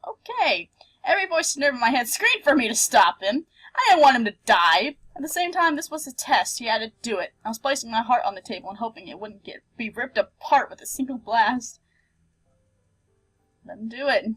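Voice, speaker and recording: A playful, expressive woman hosting a let's play, switching between reading game text aloud and casual commentary. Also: on the high side, brisk, slightly rough, rough recording.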